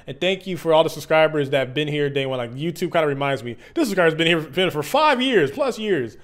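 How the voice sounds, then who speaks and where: Earnest young man, slightly higher voice, speaking candidly. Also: animated. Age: mid 20s. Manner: earnest, reflective, halting and conversational, with slang. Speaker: YouTube content creator. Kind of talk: candid, unscripted personal vlog.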